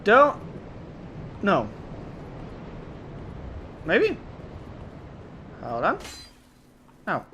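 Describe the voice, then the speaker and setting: High, bright-voiced joking gamer man. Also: huge pitch swings, very slow, long pauses, highs cut off, slight background noise. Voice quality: profane, rambling and joking. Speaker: let's play host. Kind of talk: casual gameplay commentary.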